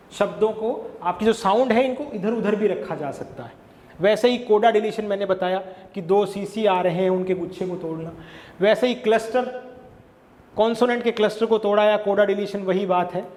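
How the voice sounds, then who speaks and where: A man with a Hindi accent lectures for an exam-prep class in a fairly high voice. He explains slowly, asking questions aloud and then answering them himself. His voice carries a long reverb, as if in a large hard room. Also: darkish tone. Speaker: English exam tutor.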